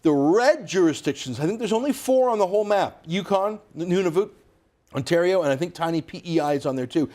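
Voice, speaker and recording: A man's voice: high voice, animated, brisk, a little mellow. A man, hosting a political commentary segment in an emphatic, sarcastic way. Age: 40s. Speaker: host.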